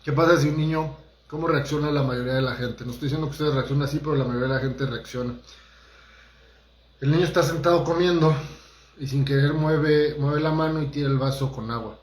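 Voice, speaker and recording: His voice is on the high side and steady in tone, moving fairly quickly through an echoey room. The man, a holistic therapist, gives a chatty motivational talk aimed directly at his listeners, acting out quotes along the way.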